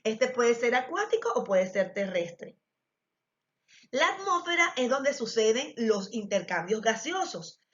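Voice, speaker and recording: A woman's voice: on the high side, sing-song, measured pace, fairly bright tone. A woman with an Ecuadorian Spanish accent teaching a biology class, explaining step by step with frequent fillers and check-ins to the students. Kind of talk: recorded class lesson. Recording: dull lo-fi recording.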